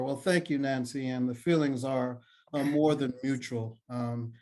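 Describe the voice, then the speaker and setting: A man from Trinidad and Tobago gives a polite, formal introduction during an online conference session. His voice is mid-pitched for a man, and he speaks graciously over a video call. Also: darkish tone. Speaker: assistant professor, session respondent.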